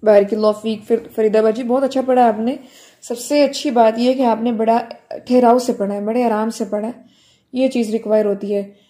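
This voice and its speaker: Mellow woman teacher correcting recitation. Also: a little high, fairly even intonation. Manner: corrective, models recitation slowly. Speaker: tajweed teacher. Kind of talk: online Quran recitation class.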